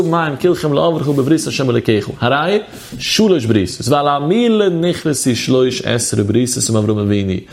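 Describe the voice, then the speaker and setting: A man's voice: a little high, darkish tone. Man giving a sing-song Talmudic lecture. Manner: sing-song study chant, quoting texts. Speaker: Torah teacher.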